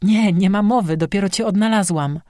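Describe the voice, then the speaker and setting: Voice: medium pitch, a little fast, mellow, no echo, clean studio sound, pitched above the performer's own voice, close to an everyday voice. An audiobook narrator voicing a stubborn, defiant young village girl who speaks in a headstrong way. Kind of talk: audiobook reading.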